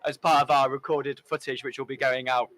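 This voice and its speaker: A man's voice: mid-range voice, flat delivery, brisk, fairly bright tone, poor audio. A man from Yorkshire with a Yorkshire accent, co-commentating a live event in a chatty, self-deprecating way with lots of fillers. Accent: Yorkshire English. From Yorkshire, England.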